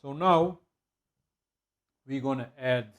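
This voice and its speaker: Man, mid-pitched, casual home-cook demo, halting with fillers. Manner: relaxed, halting, with many fillers. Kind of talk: casual cooking demonstration.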